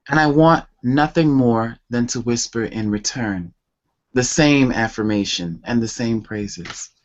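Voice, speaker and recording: Recorded in lo-fi sound, a man with a mid-range voice appears as a poet guest, slowly reading his love poems with intense, tender emotion. Afterward he answers interview questions about how they came about.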